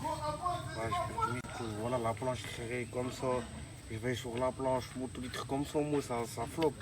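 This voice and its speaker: Quiet, hesitant young contestant man. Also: mid-range voice, big pitch swings, moderate pace, heavy background noise. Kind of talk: casual chat with street slang. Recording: music playing under the voice.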